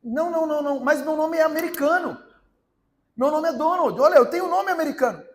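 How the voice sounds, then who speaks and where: A man voicing a naive, eager young man who insists he should be let in, talking in a hurried, pleading way. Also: extremely high pitch, pitched above the performer's own voice.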